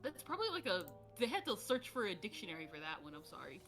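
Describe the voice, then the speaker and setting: A woman's voice: medium pitch, sing-song, fast talker, fairly bright tone, faint music behind. A woman guest on a stream, chatting casually in a playful, teasing way. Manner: playful, teasing, laughs a lot. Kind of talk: casual chat.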